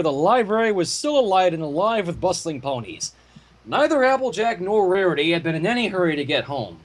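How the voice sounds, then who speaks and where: In a husky, high-pitched voice, a man reads fan fiction aloud with theatrical storytelling flair, dropping in casual asides along the way.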